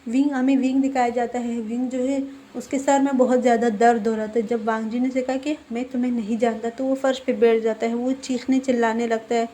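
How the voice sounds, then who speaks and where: A woman's voice: fairly high pitch, little pitch movement, a little fast, dark tone. A woman casually retelling a fan fiction story in her own words, with fillers, reading out the characters' lines as she goes.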